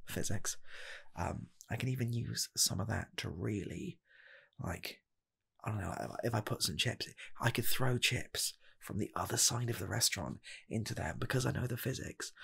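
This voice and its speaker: Playing an eager, anxious rocket scientist who wants a fast-food job, a young ASMR roleplayer in his twenties whispers and murmurs through a comedic interview. His exaggerated mid-range voice is soft, husky, and gravelly, and he halts, stammers, and repeats himself.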